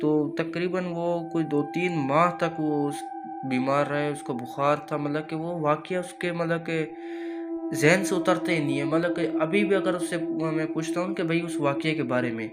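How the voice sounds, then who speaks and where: A man's voice: on the high side, fairly even intonation, normal speed. Rambling man telling a ghost story. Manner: rambling, many fillers, addresses listener as brother. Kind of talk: casual spoken horror storytelling. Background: music.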